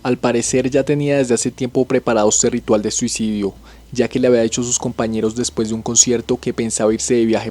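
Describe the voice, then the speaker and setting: A man giving a scripted documentary narration as a channel host, in an even, measured storytelling delivery. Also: medium pitch.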